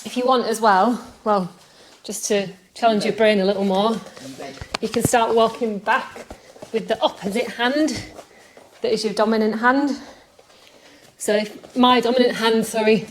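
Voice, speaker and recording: A woman's voice: mid-range voice, slight background noise, low-quality recording. A woman leading a bodyweight workout, talking through each exercise while doing it herself, chatty and a bit out of breath. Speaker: fitness coach. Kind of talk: workout instruction. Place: outdoors.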